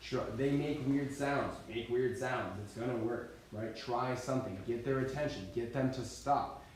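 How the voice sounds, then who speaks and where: A young man talks to a seminar crowd in quick, animated bursts and keeps checking in with his listeners. His voice is of middling pitch, heard from afar with a big hall echo. A faint hum of room noise sits behind him. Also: recorded from a distance. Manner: fast and animated, keeps asking "right?". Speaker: seminar co-presenter, deer hunter. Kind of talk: live seminar talk, casual storytelling. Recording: echoey hall, mic from afar.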